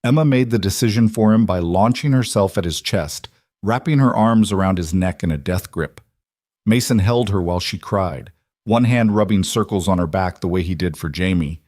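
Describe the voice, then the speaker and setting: A man narrating a scripted story in a calm, even manner. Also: low-pitched, normal speed, dry recording, clean studio sound.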